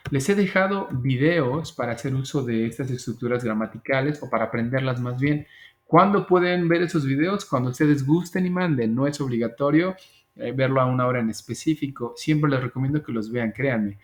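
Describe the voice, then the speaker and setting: A man teaching an English grammar class over a video call, patiently repeating example phrases slowly. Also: medium pitch. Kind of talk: online class explanation.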